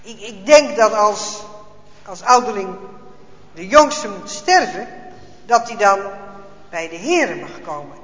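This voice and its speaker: A man telling a children's Bible story in an expressive, dramatic way, with small hesitations. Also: high-pitched, slow pace, long pauses. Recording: echoey hall, dull lo-fi sound.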